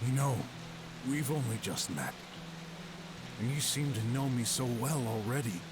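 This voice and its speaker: An actor playing a weary, earnest investigator hero in a dramatic video game. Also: male voice, medium pitch, measured pace, background noise, lightly acted. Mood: remorseful, reflective.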